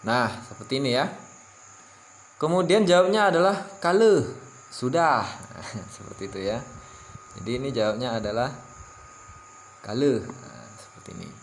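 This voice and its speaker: A man from South Sumatra in Indonesia talks through a casual language lesson at a slow, halting pace, leaning on fillers and repeating himself. His voice sits in an ordinary middle pitch and lifts sharply whenever he sounds out an example phrase. A faint hiss of room ambience stays under him. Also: expressive. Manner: apologetic, pitches up sharply when saying example words. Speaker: language-learning vlogger. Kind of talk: casual teaching monologue.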